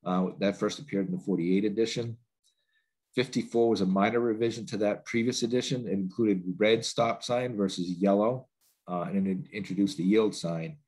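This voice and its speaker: A man with a cold, sounding stuffy, delivers a training webinar over a laptop video call from home. His voice sits on the low side and is a little mellow, with fairly even intonation at normal speed, and his loose sentences carry many fillers and restarts.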